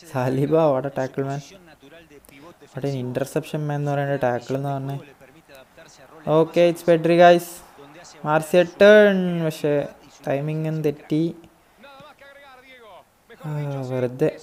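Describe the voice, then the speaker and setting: A man with a hoarse voice giving excitable live commentary on his own football video game match, mixing English phrases into his talk. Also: a little high. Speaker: gaming YouTuber.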